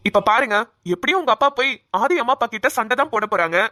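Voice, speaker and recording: A woman voicing a calm young man in a cartoon, explaining things in a soothing way. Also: fairly high pitch, quick pace, dry recording, studio quality. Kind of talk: cartoon voice acting.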